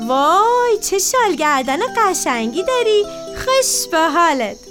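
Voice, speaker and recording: Storybook squirrel, small and eager, put on by a woman; high and chirpy over music. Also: very animated. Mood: excited. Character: small cheerful young squirrel.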